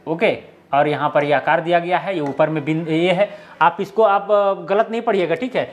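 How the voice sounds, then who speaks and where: A man's voice: a little high, steady tone, moderate pace. A man explaining a script lesson step by step, often checking in with the viewer. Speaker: teacher.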